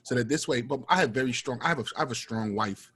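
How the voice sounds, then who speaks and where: A middle-aged man talking earnestly in a casual group chat over a video call, with halting restarts. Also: mid-range voice, fairly bright tone, slightly rough.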